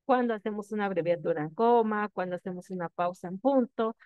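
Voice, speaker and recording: A woman teacher with a medium-pitched voice gives a classroom lecture at a fairly quick pace, patiently explaining steps and often checking that her students follow. The recording is dry, with no room sound, and has a tinny, phone-like quality.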